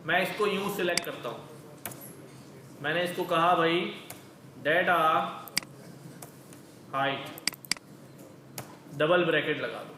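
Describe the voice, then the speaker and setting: A man's voice: fairly high pitch, slow, pauses often, reverberant, background noise. A male teacher leading a coding lecture in a casual, conversational way, asking questions and then answering them himself. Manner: conversational, calls listeners brother.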